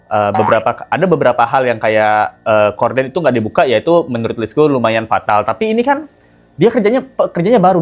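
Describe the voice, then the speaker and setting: A channel host giving casual commentary and talking straight to viewers, with lots of fillers. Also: mid-range voice. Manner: chatty, filler-heavy, addresses viewers as guys.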